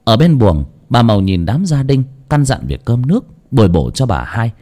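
A man's voice: medium pitch, moderate pace. A man narrating a ghost story dramatically as storyteller. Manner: dramatic, animated.

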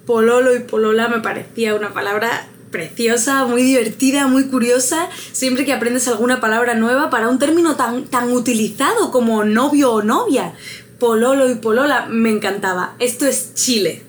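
A woman's voice: fairly high pitch, moderate pace, slight background noise. A woman vlogger thinking aloud as she takes a quiz, hesitant and musing, laughing at her own luck.

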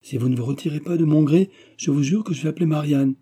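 A frightened young wife pushing back with tense defiance, as a male reader puts her on. The voice is husky and somewhat raised above his low narrating register. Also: fast, warm tone. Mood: defiant.

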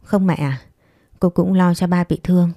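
A woman's voice: lowish voice, fairly even intonation, moderate pace, mellow, no echo, studio quality, close to an everyday voice. A woman voicing a resolute young mother in a read-aloud story, firm and earnest.

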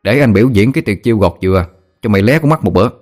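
A man's voice: on the low side, lively intonation, darkish tone, faint music behind, natural voice. A man with a Southern Vietnamese accent voicing an older village boy who teases and shows off. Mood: teasing. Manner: teasing, brash, quick-talking. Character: older village boy, teasing, brash, showing off.

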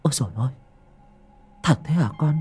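A woman's voice: mid-range voice, lively intonation, normal speed, a little mellow, faint music behind, voice pushed up, lightly acted. A man voicing a frightened old mother who pleads with her ancestors in a trembling voice. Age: older.

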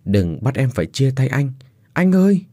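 A man's voice: mid-range voice, sing-song, normal speed, dark tone, no echo, clean studio sound, voice pushed up. A man voicing a desperate, heartbroken young wife who pleads through tears. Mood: pleading, tearful. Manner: tearful pleading, raised voice.

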